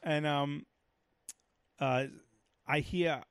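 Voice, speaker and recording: A middle-aged man on a podcast, telling a story in a loud, profane rant and acting out the quotes. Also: fairly high pitch, fairly even intonation, drawn-out words, clear, resonant tone, no echo. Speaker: podcast co-host. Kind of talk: casual chat, storytelling.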